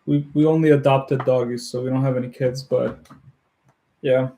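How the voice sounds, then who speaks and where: Livestream host, man from Ukraine; mellow, dark tone, easygoing chatter with frequent laughs. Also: mid-range voice, level tone, moderate pace. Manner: friendly, chatty, laughs often while building. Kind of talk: casual chat with live viewers.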